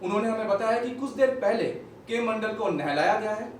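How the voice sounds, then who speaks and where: A man's voice: high voice, lively intonation, fairly quick, slight background noise. An actor on stage playing a male TV reporter, who speaks formally and proudly stresses his channel's scoop. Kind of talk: stage play acting. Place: theatre stage. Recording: echoey hall, captured from far off.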